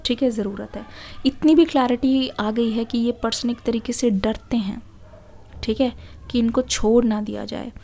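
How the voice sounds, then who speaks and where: A tarot reader gives a reading to her viewers in a voice that's high yet mellow and warm, with vocal fry. She explains things patiently and keeps slipping in a reassuring filler along the way.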